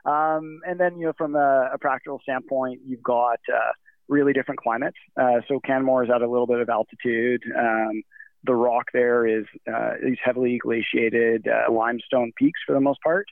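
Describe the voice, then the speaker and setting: A Nigerian man interviewed remotely speaks at normal speed in a creaky, level, medium-pitched voice. His casual answers ramble with many fillers and restarts, and the tinny, phone-like line carries no echo.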